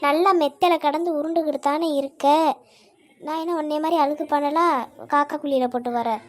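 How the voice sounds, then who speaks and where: A woman voicing a sharp-tongued young woman in a cartoon, teasing and bickering. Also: sits high, fairly even intonation, fairly quick, natural voice.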